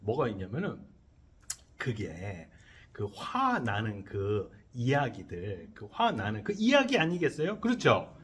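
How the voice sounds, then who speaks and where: Man, Buddhist monk, sermon in a temple hall, fairly high voice, very animated pitch, call-and-response questions. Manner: asks the audience questions and answers them himself; leads the congregation in call-and-response repetition. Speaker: Buddhist monk giving a dharma talk. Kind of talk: sermon to a live congregation.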